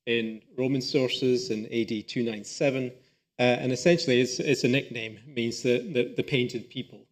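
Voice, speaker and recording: A Scottish man, a professor of archaeology, giving a relaxed public lecture with lots of "uh" and "um" and restarted phrases. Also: medium pitch. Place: lecture hall.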